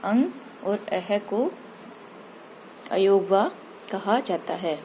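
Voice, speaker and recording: A woman teaching Hindi grammar, patiently explaining vowels and spelling out each example slowly. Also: mid-range voice, lively intonation, a little mellow, a little hiss or hum, rough recording. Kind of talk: slow explanatory lesson.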